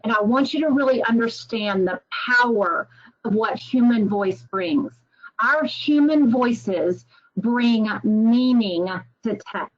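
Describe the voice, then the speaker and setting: A woman's voice: fairly high pitch, takes it slowly. A woman who is an education executive, giving an earnest, emphatic presentation to volunteers. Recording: dull lo-fi recording.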